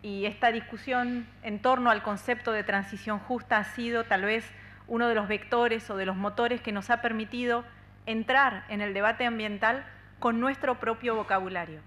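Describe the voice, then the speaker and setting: Seated at a table mic on a stand, an Argentine woman in her thirties, a union policy adviser on a panel, gives an earnest, fluent conference talk peppered with "eh." She speaks with an Argentine Spanish accent at normal speed in a slightly high, steady, somewhat bright voice.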